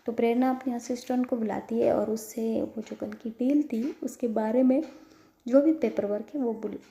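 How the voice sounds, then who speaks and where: A woman's voice: fairly high pitch, fairly even intonation, normal speed, gravelly, mellow. A woman telling a love story in a casual, chatty way, linking her sentences with many "so"s. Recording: echoey room.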